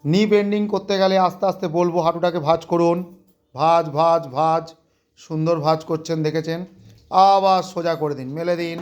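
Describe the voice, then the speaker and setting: A man with a fairly high voice works as a physiotherapist and walks a patient through rehab exercises. He calls out short commands and counts the reps aloud. He drops English medical terms in as he explains. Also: fairly even intonation, a little fast, darkish tone, faint music behind. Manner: mixes English medical terms into his speech. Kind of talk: instructional demonstration with a patient.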